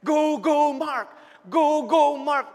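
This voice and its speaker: A male pastor voicing a doting mother who loudly cheers on her son, in a reverberant church hall. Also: level tone, normal speed, vocal fry, soft background music, exaggerated voice. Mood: cheering loudly. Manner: shrill repeated cheering.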